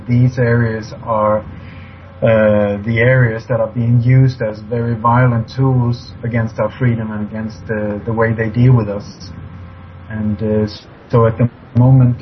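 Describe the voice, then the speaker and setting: A man from Sweden, speaking as a radio interview guest with many pauses and fillers. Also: medium pitch. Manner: halting, many fillers, emphatic. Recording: dull lo-fi recording, faint hiss.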